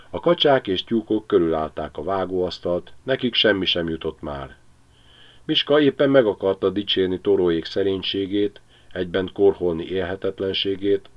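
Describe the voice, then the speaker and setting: A man narrating an audiobook with expressive storytelling. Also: deep voice. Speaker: audiobook reader. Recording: slightly dull lo-fi recording.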